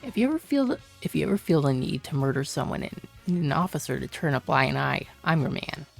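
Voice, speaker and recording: A woman voicing a male doctor in a game, asking questions in a measured, probing way, with a gravelly voice. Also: deep voice, very animated, faint music behind, voice pushed down, full character voice. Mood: sly. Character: smooth-talking male doctor questioning a cop. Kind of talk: reading game dialogue aloud.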